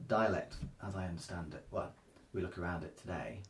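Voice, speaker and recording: A man conducting a local history interview in a measured, tentative way, choosing his phrasing carefully. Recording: faint noise with low rumble.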